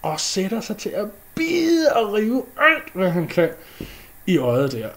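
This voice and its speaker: A male storyteller retells an old myth without a script. He talks casually, with fillers and playful mouth sound effects. His voice is lively and sits a little high for a man.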